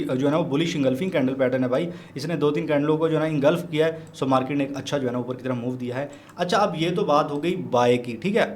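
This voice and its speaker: Slightly high-pitched and backed by a faint hiss or hum, this Pakistani man teaches a chart walkthrough tutorial on trading. He chats freely, addresses the viewer as "brother" again and again, and hammers his points home through repetition.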